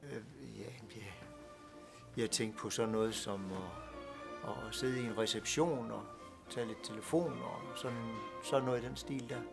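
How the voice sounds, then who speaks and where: An actor playing a blind man on welfare who speaks haltingly and stammers as he explains his problem. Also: mid-range voice, vocal fry, over music, natural voice. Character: blind man on welfare, frustrated but polite. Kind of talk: student film acting.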